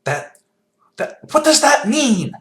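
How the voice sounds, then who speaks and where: A man acting an intense, anxious, stubbornly logical scientist in a video game, speaking in a halting, emphatic way. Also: extremely high pitch, sing-song, a bit bright, full character voice. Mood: agitated.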